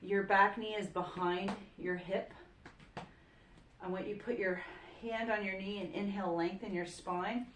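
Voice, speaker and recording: A woman yoga instructor leading a home floor routine, calmly cueing breath and poses. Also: medium pitch, measured pace, reverberant, a little hiss or hum.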